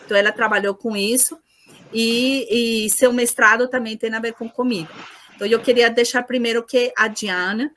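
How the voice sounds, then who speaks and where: A native Spanish speaker with a Latin American accent hosts a class and introduces the lecturer, speaking off the cuff and occasionally searching for words. Her voice is fairly high and a bit bright, with fairly even intonation and a moderate pace. There's a slight hiss or hum on the recording.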